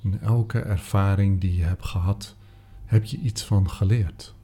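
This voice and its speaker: A man guiding a meditation, speaking softly and soothingly, sometimes dropping into a whisper. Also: sits low, steady tone, husky. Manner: slow, soft-spoken, soothing, with whispered phrases. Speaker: meditation guide. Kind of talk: guided meditation. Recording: soft music behind.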